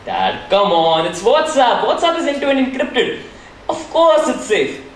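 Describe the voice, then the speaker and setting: A man's voice: extremely high pitch, sing-song, unhurried, heavily acted. A man playing a carefree teenage son in a school stage play, casual and coaxing. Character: carefree teenage son asking dad for money. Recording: echoey hall from far off, faint noise.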